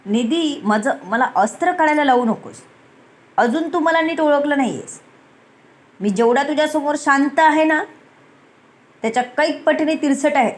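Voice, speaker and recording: A woman's voice: sits high, moderate pace, long pauses, natural voice. A woman voicing an arrogant young male boss who speaks sternly and threatens in a story reading. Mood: menacing.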